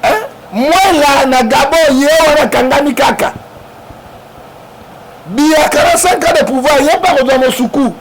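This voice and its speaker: Speaking with a Congolese French accent, a man from the DRC gives animated, emphatic political talk as a guest in an interview, constantly checking in with "hein?". His pitch is extremely high and his delivery a little slow, over a noisy background.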